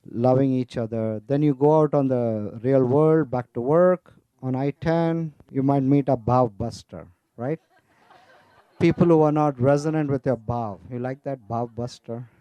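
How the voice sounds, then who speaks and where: A man with a somewhat high, warm, mellow voice gives a relaxed spiritual talk at a festival. He tells funny stories and drops in Sanskrit words, checking in with "right?" and "you know". The sound is dry and close. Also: dry recording. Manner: humorous storytelling with Sanskrit terms. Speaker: spiritual teacher.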